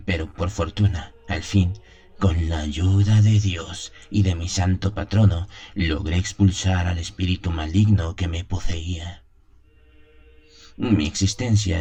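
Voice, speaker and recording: In a first-person radio drama monologue, a man plays a seventy-year-old country priest who is haunted, confessional and wistful. His very low, dark voice sounds rueful as he confides his story deliberately, leaving weighty pauses.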